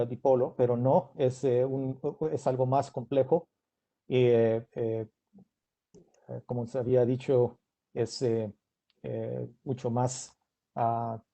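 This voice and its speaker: A man with a very dark, soft-edged voice speaks as a guest expert in an informal technical Q&A. He has an American accent as a native English speaker and moves haltingly, often searching for the next word. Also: mid-range voice, vocal fry, lo-fi sound. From Mexican-American. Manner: halting, searching for words in non-native Spanish. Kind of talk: informal question-and-answer at a technical talk.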